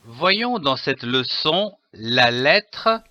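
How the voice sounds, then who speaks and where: A man teaching children to read, slowly spelling out letters and repeating each syllable with care. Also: mid-range voice, sing-song, pushed and bright, highs cut off. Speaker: reading teacher. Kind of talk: slow syllable-by-syllable reading lesson.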